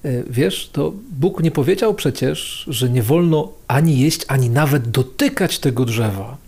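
A man's voice: medium pitch, a little slow, a little mellow, slightly rough. A man voicing a crafty male devil who talks in a chummy, persuasive way. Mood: coaxing. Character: sly male devil tempter, coaxing and crafty.

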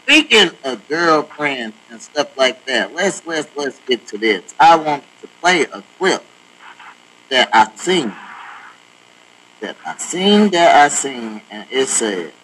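A man's voice: medium pitch, big pitch swings, slow pace, bright, forceful tone, husky, low-quality recording. A man hosting a casual podcast chat, telling stories in a loose, slangy way and laughing often. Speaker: podcast host.

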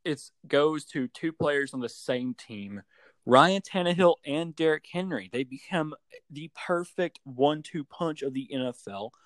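A man's voice: a little high, a little slow, a bit bright, dry recording. A young man in a casual sports voice chat over a phone, giving opinions in a teasing, mock-serious way. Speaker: sports podcast co-host. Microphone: remote voice chat call on a phone.

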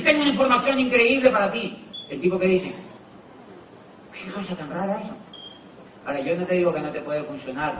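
A man's voice: on the high side, a little hiss or hum. A man with a Colombian accent, a motivational business speaker giving a live talk to an audience and acting out the conversations in his anecdotes. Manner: animated storyteller who acts out dialogue. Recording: echoey hall, distant mic, faint ambience.

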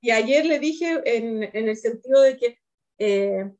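High-voiced Chilean mother, animated. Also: takes it slowly. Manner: animated, acts out quotes of her daughter and partner. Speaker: client in a counseling session. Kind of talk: emotional recounting of family conflict.

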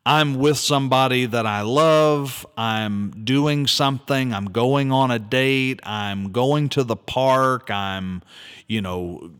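A man's voice: medium pitch, a bit bright, clean tone, big-room sound. A man giving an earnest, reflective monologue, reading from an article and posing rhetorical questions. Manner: earnest, rhetorical questions, slow deliberate delivery. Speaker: speaker commenting on an article.

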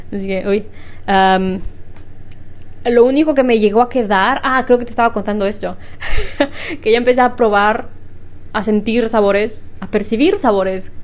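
A young woman chatting casually at home, laughing often and clearing her slightly hoarse throat. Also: fairly high pitch, measured pace, long pauses. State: slightly hoarse after illness. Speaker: vlogger. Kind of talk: casual chat to camera. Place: home room. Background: washing machine.

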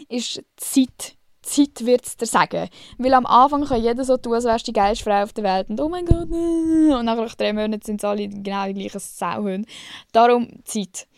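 A woman's voice: on the high side, vocal fry, no echo, studio quality. Blunt slangy Swiss German woman. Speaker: podcast host. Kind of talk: casual advice chat.

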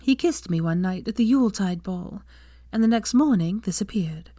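A woman's voice: medium pitch, animated, moderate pace, dry recording, studio quality, natural voice. Woman putting on a kindly old noblewoman's voice. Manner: warm, storytelling, kindly.

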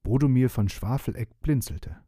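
A man narrating a bedtime story in a calm, measured way. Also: mid-range voice, breathy edge, no echo, clean studio sound.

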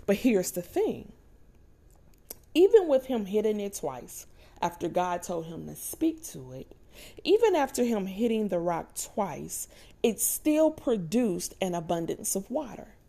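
Slow, gravelly woman preaching. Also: medium pitch, very animated, dark tone. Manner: conversational preaching with call-outs to the listeners. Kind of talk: sermon.

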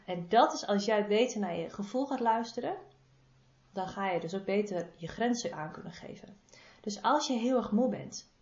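A woman's voice: medium pitch, lively intonation, moderate pace, a little mellow. Woman therapist in an echoey room. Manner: informal, repeats key advice; affectionate toward listener. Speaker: body-energy therapist. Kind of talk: casual advice monologue. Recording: roomy, slightly dull sound.

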